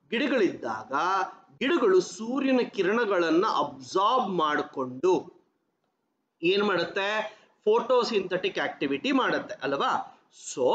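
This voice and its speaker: A man teaches geography in a high, lively voice, throwing out questions and answering them himself. He mixes in English terms as he explains. The recording is dull and lo-fi, with a faint hum of room ambience behind him. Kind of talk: geography lecture for exam students.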